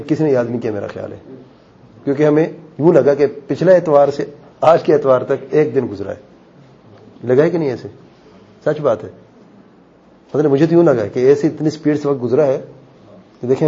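A man's voice: mid-range voice, dark tone. A male grammar teacher giving a classroom lesson, patiently quizzing students and explaining rules step by step, on a dull lo-fi recording. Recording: dull lo-fi recording with faint noise.

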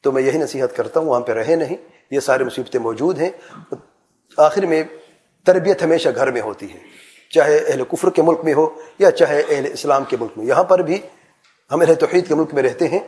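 A man's voice: fairly high pitch, a little mellow. A middle-aged man preaching a sermon, giving earnest advice with rhetorical questions and repeated lists. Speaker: Islamic preacher.

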